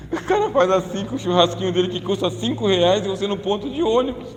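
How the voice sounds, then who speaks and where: A man's voice: sits high, animated, a little fast, slight background noise. A male pastor with a Brazilian Portuguese accent giving a humorous sermon-lecture, chatty and jokey, often throwing questions at his audience. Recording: echoey hall reverb.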